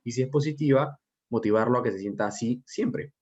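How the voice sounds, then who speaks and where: A man teacher giving an online class lecture, explaining step by step and often checking in with a quick question. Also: medium pitch, a little mellow, slight background noise. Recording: dull lo-fi audio.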